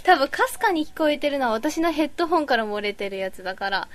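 A woman on a live stream, chatting casually while she fusses over her audio setup and reads chat comments into a boom mic. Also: expressive, quick pace, fairly bright tone.

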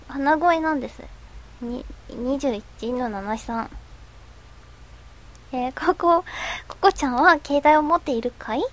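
A woman playing a fifteen-year-old schoolgirl radio host, reading listener comments in a soft, hesitant, giggly way with a stuffy nose from a cold. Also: high voice. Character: shy teenage schoolgirl, fifteen.

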